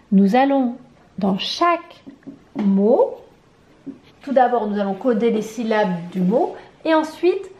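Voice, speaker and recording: A woman with a French accent, teaching syllables to a young child, clapping out each syllable slowly and asking questions. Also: fairly high pitch, a little mellow, roomy sound. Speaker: preschool teacher. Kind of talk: slow, sing-song phonics lesson for young children.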